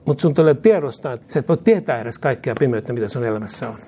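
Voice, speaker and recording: In a warm, slightly rough voice of medium pitch, a man preaches an earnest, animated sermon. He leads the prayer line by line, and the congregation repeats each part after him.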